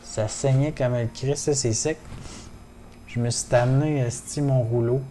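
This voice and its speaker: Québécois male streamer, mellow low voice, loose casual chatter peppered with curses, addresses chat directly. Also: steady tone, a little slow, a little hiss or hum. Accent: Québécois French. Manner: swears often, chatty, greets viewers in chat. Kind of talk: casual gaming livestream chat.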